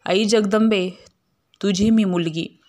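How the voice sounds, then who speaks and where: A woman's voice: medium pitch, fairly even intonation, slow pace, a little mellow, close to an everyday voice. A woman reading the prayer of a devout, frightened young wife in a storybook tale, fervent and imploring.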